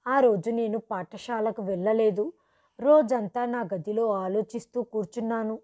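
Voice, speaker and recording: A woman telling a first-person story in a steady, earnest scripted narration. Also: fairly high pitch, unhurried.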